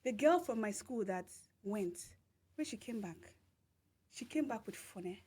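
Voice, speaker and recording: A woman with a Nigerian accent, guesting on a podcast, tells a personal story in a casual interview, repeating phrases for emphasis and laughing as she goes. Her mid-range voice is expressive, mellow and slightly rough, and she speaks a little slowly.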